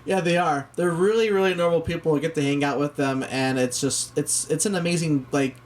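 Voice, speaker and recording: A talk show host whose first language is Spanish, talking slowly and carefully in casual chat, often restarting sentences. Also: medium pitch. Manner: deliberately slow, careful speech with frequent restarts.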